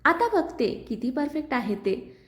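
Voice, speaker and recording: A woman's voice: sits high, very animated, unhurried. A woman reading the part of a jealous young sister-in-law who speaks in a defensive, bitter way. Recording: roomy echo.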